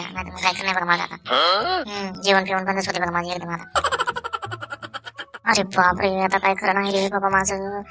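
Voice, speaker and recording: A woman's voice: medium pitch, close to an everyday voice. A woman voicing a mischievous cartoon schoolboy who pleads and wheedles with his teacher. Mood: worried. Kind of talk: cartoon voice acting. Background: background music.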